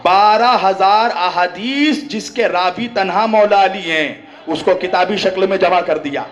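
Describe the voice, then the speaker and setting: A man with a high-pitched voice delivers an impassioned religious oration. He talks straight to the people in front of him, peppering his points with rhetorical questions and a questioning "hain?", and now and then climbs to a shout. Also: unhurried. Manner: rises to shouting at climaxes; speaks directly to the audience. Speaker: religious orator at a mourning gathering.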